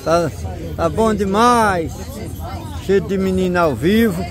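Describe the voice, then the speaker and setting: A man's voice: high-pitched, takes it slowly. A man with a Pernambuco accent from Brazil's Northeast gives casual running commentary at a street market, greeting passers-by and repeating short exclamations. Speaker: vlogger filming a street market. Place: outdoors in an open-air street market. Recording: outdoor street market with busy crowd and traffic.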